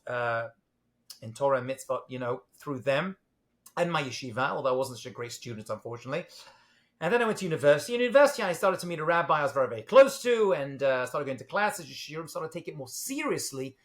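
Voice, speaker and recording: Speaking quickly and expressively in a mid-range voice, a middle-aged Londoner with a British accent chats casually as an interview guest. He's a rabbi who jokes at his own expense and fills his speech with many fillers.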